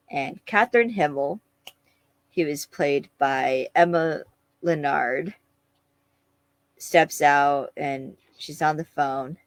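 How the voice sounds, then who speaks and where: Low voiced woman recapping a tv episode, slow and easy, dry close sound. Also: no echo. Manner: retells scenes, acts out lines. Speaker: podcast co-host. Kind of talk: casual episode recap chat.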